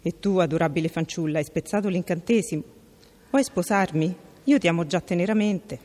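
A woman voicing a tender, gallant young prince with a warm voice, in a reverberant room. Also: lowish voice, brisk, lightly acted.

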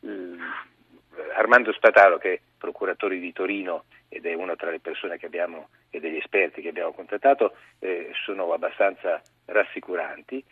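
A man speaking over the phone as a guest journalist, giving a measured news briefing. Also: deep voice, fairly even intonation, husky, no echo. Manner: measured, explanatory. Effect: heard over the phone. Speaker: magazine deputy editor, guest journalist. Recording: dry tinny phone line.

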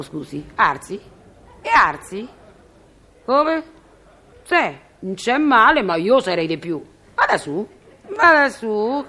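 An actress with a Roman accent playing a nosy, meddling building concierge in a comic phone monologue, chatty and slyly mock-innocent. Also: female voice, sits high, bright, forceful tone, heavily acted. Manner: chatty, sly, mock-innocent stirring of trouble. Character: nosy gossiping Roman concierge woman, middle-aged, meddling.

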